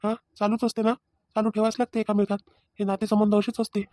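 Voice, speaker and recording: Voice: medium pitch, monotone, fast, warm tone, dry recording, clean studio sound, natural voice. A performer voicing a remorseful young husband in a cartoon family drama who pleads and defends himself, speaking. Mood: pleading.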